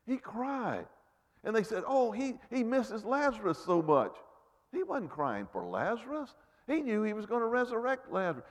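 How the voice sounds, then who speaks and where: A man preaching a sermon, rising and falling in volume and dropping low for emphasis. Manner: rises and falls sharply, drops to near-whispers for emphasis. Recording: long reverb of a large hall.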